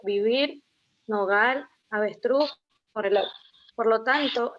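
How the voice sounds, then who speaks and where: Young woman reading a class presentation. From Ecuador. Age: young adult. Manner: reads out rules and lists of example words, with restarts. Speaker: student presenter. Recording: muffled low-fidelity recording.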